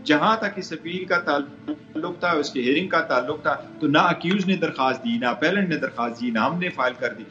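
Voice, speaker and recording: A man's voice: on the high side, bright, forceful tone, roomy sound, lo-fi sound, soft background music. A male lawyer arguing as a guest on a live TV debate, insistent and repeating phrases as he makes his point.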